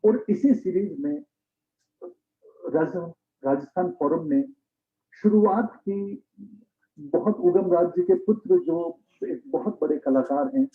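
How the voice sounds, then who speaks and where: Slow, formal man hosting an arts event. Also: sits high. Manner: earnest, measured, formal. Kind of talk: formal address. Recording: echoey phone-quality audio.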